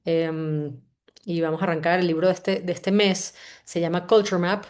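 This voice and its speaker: A Venezuelan-accented woman with a lowish voice opens an online session as its host. She speaks in a relaxed, conversational way, welcomes people, and often loops back to restart a phrase as she goes. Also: moderate pace. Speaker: host and company CEO. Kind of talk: live online book-summary session.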